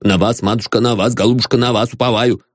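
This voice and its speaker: A man reading aloud and voicing a humble, scheming priest who pleads slowly and fawningly. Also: mid-range voice, a little mellow, no echo, studio quality, natural voice. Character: humble scheming middle-aged male priest.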